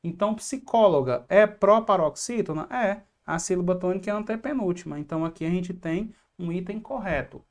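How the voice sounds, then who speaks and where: A woman with a fairly low voice teaches an online exam-prep class. She walks through each answer step by step, poses questions and answers them herself. She drops in chatty asides to her students. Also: fairly quick, few pauses, a little mellow. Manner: explanatory, asks and answers own questions.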